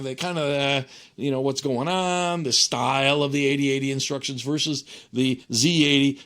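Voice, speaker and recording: A man teaching an informal technical tutorial, thinking aloud in a conversational way and often checking in with a quick okay or right. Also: medium pitch, fairly bright tone. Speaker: instructor.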